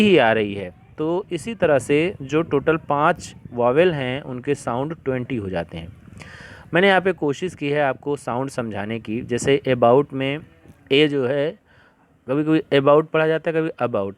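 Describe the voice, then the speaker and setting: A man teaching English to beginners, explaining slowly and patiently with many examples. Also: medium pitch, slight background noise. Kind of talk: beginner classroom-style lesson.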